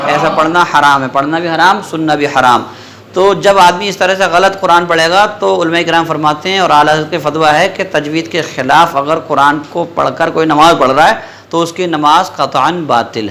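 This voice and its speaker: Bright, high-voiced man teaching a class. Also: slight background noise. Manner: quizzes the class and repeats their answers; stretches out syllables slowly when demonstrating recitation. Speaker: Quran recitation teacher. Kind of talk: classroom lesson with call-and-response.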